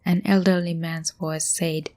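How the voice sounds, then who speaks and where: A woman narrating a scary story in a hushed voice, often dropping to a whisper. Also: lowish voice, flat delivery, a little slow. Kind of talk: scripted horror story narration.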